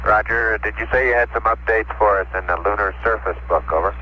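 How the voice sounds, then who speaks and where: This is a man's voice reaching the listener over a radio transmission that keeps cutting out. He talks briskly and by the book, short and to the point. The sound is dull and lo-fi under a light hiss. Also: fairly low pitch. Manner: brief, businesslike, asks questions twice. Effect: radio transmission that cuts in and out. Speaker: astronaut. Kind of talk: clipped radio procedure talk. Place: spacecraft cabin. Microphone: headset radio. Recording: distant crackly lo-fi radio link with hiss.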